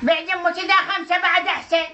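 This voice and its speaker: Very high-pitched old Iraqi woman, wheedling. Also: fairly even intonation, fast, bright, forceful tone. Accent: Iraqi Arabic. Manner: pleading, coaxing with endearments. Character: wheedling old Iraqi mother, pleading for phone credit. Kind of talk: prank phone call impersonation. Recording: noisy amateur phone-call recording.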